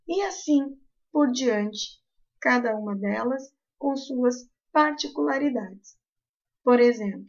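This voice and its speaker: A woman teacher with a southern Brazilian accent, explaining a grammar lesson slowly and carefully to her class. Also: on the high side, lo-fi sound. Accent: southern Brazilian Portuguese.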